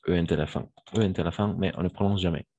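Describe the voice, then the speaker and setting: A man's voice: sits low, racing, warm tone, slightly rough, no echo, lo-fi sound. A man teaching a French grammar lesson online, patiently repeating verb forms and praising his students.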